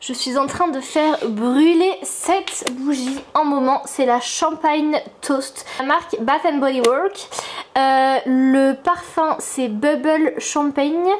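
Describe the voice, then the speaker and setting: A young woman from France talks casually to her viewers from her apartment. Her voice sits high, and she chats with easy enthusiasm, often pausing on little fillers as she goes. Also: a little hiss or hum. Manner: chatty, enthusiastic, filler-heavy. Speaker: vlogger. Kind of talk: casual chatty vlog.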